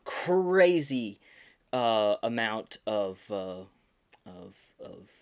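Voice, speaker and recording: Hosting a podcast, a puppeteer in his thirties tells behind-the-scenes stories in a casual, hesitant, self-deprecating way. His voice is lowish and smooth.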